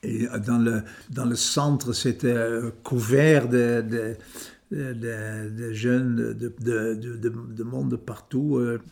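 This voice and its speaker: Hesitant older Dutch man, slow and flat. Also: medium pitch, gravelly. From Netherlands. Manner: hesitant, many restarts and repeated words. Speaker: interviewee. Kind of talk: reminiscing interview.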